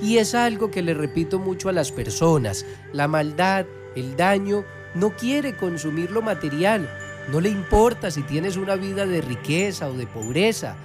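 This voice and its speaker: A man hosting a radio infomercial for a spiritual phone line, spelling out numbers slowly. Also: high-pitched, lively intonation. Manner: slow, repeats phone numbers digit by digit. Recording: music bed behind.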